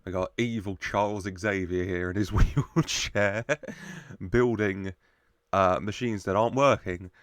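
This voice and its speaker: A man's voice: fairly low pitch, steady tone, unhurried, a bit bright. A man giving casual, jokey reaction commentary as a show host. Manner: jokey, chuckles often while talking.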